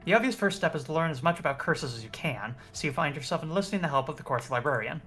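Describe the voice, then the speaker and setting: A man's voice: on the high side, expressive, fast talker, fairly bright tone, soft background music. A man reading game text aloud as narrator during a playthrough.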